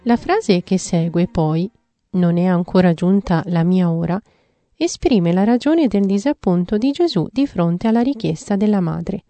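A woman giving a measured, earnest reading of a devotional theological text. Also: lowish voice, expressive, mellow, no echo, soft background music.

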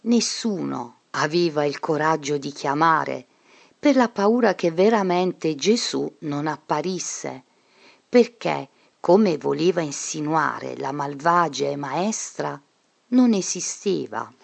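A woman reading a story aloud in a calm, measured way. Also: deep voice, creaky. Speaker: narrator.

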